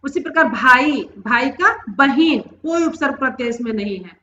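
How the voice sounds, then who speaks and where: Woman teaching a grammar class, high bright voice, keeps asking questions then answering, echoey room, kinda dull lo-fi sound. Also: expressive, normal speed, slight background noise. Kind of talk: classroom-style grammar lesson.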